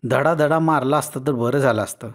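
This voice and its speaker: A man voicing a sulky, tearful rural wife who takes offense quickly and speaks in plaintive rustic village speech. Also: mid-range voice, lightly acted.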